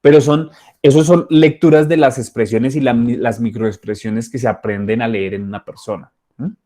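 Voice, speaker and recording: A man giving a soft skills training talk, conversational and acting out short dialogues. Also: medium pitch, fairly even intonation, normal speed. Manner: conversational, acts out little dialogues with repeated fillers. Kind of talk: training lecture.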